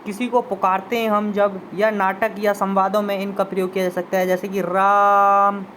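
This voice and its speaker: A man's voice: high voice, little pitch movement, fairly quick, a little hiss or hum, rough recording. Male Hindi teacher sounding out vowels. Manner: repeats terms and sounds out example vowels; addresses students directly, invites them to try. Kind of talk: classroom lesson explanation.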